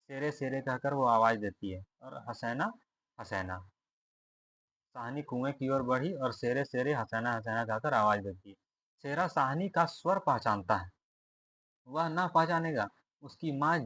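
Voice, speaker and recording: A man's voice: medium pitch, fairly bright tone, no echo. A man teaching Hindi literature for an exam, reading a story aloud, then asking questions about it and answering them himself. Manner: asks questions and answers them, repeats lines.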